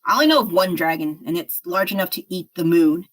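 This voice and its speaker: A woman's voice: lowish voice, lively intonation, fairly quick, poor audio. A woman chatting casually on a livestream while she paints, frank and rambling, a little unwell. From United States. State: slightly unwell. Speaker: streamer.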